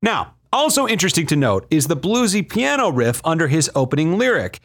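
A man's voice: on the high side, sing-song, a little fast. A man hosting a film music show, giving enthusiastic scripted analysis in a chatty, emphatic, appreciative way.

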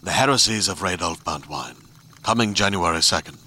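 A very deep, husky male voice delivers a scripted promo with grave, ominous weight. The tone is forceful and bright at the edges. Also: animated, brisk. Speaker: promo narrator. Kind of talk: scripted dramatic promo narration.

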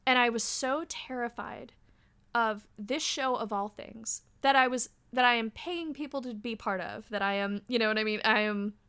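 A woman in her thirties, a podcast guest in casual chat, animated, laughing often and swearing freely. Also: fairly high pitch, moderate pace, smooth. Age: 30s.

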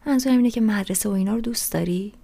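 A woman voicing a restless teenage boy who rants loudly about everything in an audiobook reading. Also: mid-range voice, creaky. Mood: exasperated. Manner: loud, rushed, ranting complaints.

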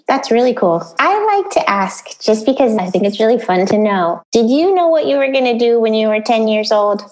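A woman's voice: fairly high pitch, brisk, a little mellow, poor audio. A woman hosting an interview, asking curious, friendly questions and laughing along. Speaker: interviewer host. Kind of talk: casual interview chat.

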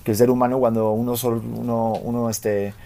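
A man from Spain with a Spanish accent, hosting a casual interview in an animated, playful way. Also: mid-range voice, fairly quick. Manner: animated, playful, acts out voices in quotes. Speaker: podcast host.

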